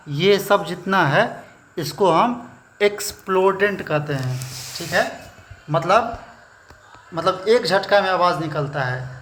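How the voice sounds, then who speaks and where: Guy teaching shorthand, slow patient explaining, fairly high voice. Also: fairly bright tone. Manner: slow and explanatory, repeats "theek hai" after each point. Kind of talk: classroom lesson.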